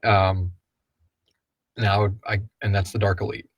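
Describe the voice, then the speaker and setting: This lowish male voice, level in tone and slow in pace, comes with no echo. Hosting a live audio drama Q&A in a casual manner, he rambles, thinks aloud and speculates.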